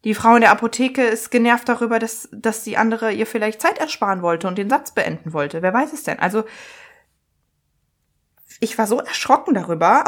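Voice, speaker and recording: A woman podcast host and coach telling an everyday story in a chatty, lively way, acting out other people's lines and mixing English words into her speech. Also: a little high. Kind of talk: casual storytelling monologue.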